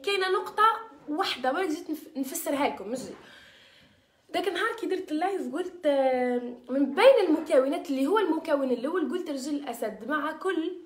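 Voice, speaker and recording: Fast-talking Algerian woman streaming live. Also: sits high, animated, reverberant. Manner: chatty, sprinkles French words. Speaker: live-stream host selling beauty mixtures. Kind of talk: casual live-stream chat reading viewer comments.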